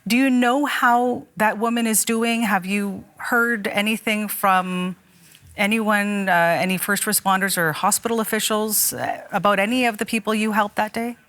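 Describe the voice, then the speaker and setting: A woman interviewing for broadcast news in a sympathetic, measured way. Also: medium pitch, fairly even intonation, fairly bright tone.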